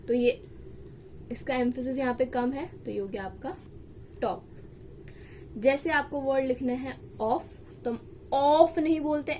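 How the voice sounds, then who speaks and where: A woman's voice: high-pitched, a little hiss or hum. A woman shorthand teacher, explaining each example word patiently and saying it again as she writes it. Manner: slow, patient, repeats example words while writing. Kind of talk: classroom lesson.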